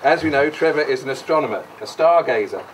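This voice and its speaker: A man's voice: medium pitch, expressive, quick pace. Englishman giving a rambling, jokey best man speech, noisy recording. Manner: jokey, digressive, mock-sincere. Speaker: wedding speaker, brother of the bride. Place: wedding reception room. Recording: noisy distant live room recording.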